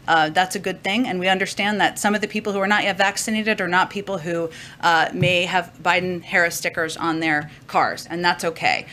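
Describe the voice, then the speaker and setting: A woman press secretary answering reporters' questions in a measured way, with frequent filler pauses. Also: mid-range voice, a bit bright, a little hiss or hum. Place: briefing room.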